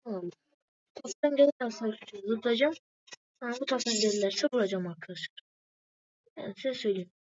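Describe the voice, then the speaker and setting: A woman with a fairly high voice chats through her gameplay, turning to her viewers every few words. The sound is dull and lo-fi, close and dry with no room around it. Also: normal speed, pauses often, darkish tone, no echo. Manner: chatty, keeps addressing viewers as friends. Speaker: gaming video maker. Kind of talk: casual gameplay commentary.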